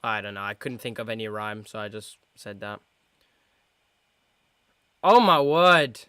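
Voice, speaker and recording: A man hosting a live football watchalong, who jumps from shouted play-by-play to low mumbled asides. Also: level tone, fairly quick, clear, resonant tone, no echo. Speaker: host of a football watchalong stream.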